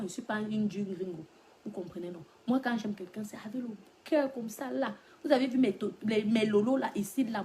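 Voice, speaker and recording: A woman giving advice to her followers in a live-stream monologue, swinging between loud exclamations and hushed whispers. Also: medium pitch, a little hiss or hum. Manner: addresses listeners as girlfriends, lecturing tone.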